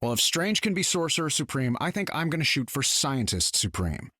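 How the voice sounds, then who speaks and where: A man's voice: fairly high pitch, very animated, brisk, pushed and bright, no room sound, studio quality, heavily acted. A man voicing a confident, wisecracking inventor superhero in a video game, wry and casual. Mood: breezy, confident. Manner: wry, casual, self-assured. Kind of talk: video game character acting.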